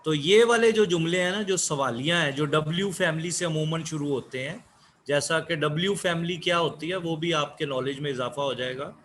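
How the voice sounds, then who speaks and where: Male teacher, online class, measured and repetitive delivery, slightly high-pitched. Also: fairly bright tone, slight background noise. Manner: slow, repeats key words. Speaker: English teacher.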